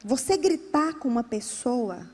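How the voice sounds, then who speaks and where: A woman's voice: a little high, sing-song, unhurried, darkish tone, breathy edge, long reverb tail. A woman pastor with a Brazilian Portuguese accent, preaching a sermon with emphatic, repetitive phrasing. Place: church.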